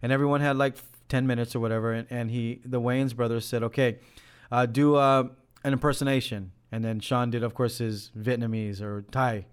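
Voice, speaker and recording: A man in relaxed casual chat, retelling a story with quoted dialogue. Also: medium pitch, brisk, clean tone. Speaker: friend in conversation.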